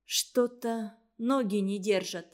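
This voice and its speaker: A woman's voice: medium pitch, close to an everyday voice. Woman whispering as a faint little schoolgirl. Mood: weak. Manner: quiet, faint, slow. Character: weak, frightened little schoolgirl.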